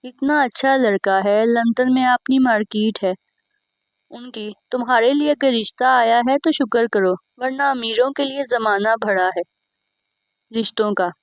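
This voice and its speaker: A woman's voice: a little high, measured pace, no echo. A woman voicing a strict middle-aged mother who scolds her daughter. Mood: scolding.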